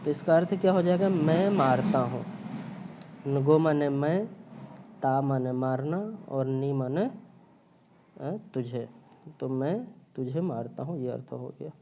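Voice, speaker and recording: A man's voice: mid-range voice, slow, pauses often, mellow, highs cut off, slight background noise. A man teaching a recorded grammar lesson, explaining step by step and repeating his points. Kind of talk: recorded linguistics lecture. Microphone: phone or screen recorder.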